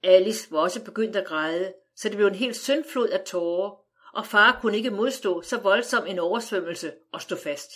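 A woman narrates a first-person audiobook. Her delivery is wry and measured, and she tells the story steadily. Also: medium pitch, a bit bright.

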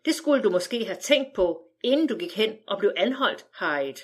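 A woman voicing a calm, stern father from the 1910s who speaks in a measured, dismissive way as she reads a storybook aloud. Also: medium pitch, breathy edge.

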